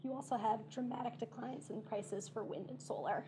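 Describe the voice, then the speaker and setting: A woman giving formal policy commentary as a panel discussant, her voice failing and hoarse, clearing her throat now and then. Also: on the high side, moderate pace, warm tone, slight background noise. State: losing her voice. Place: seminar room.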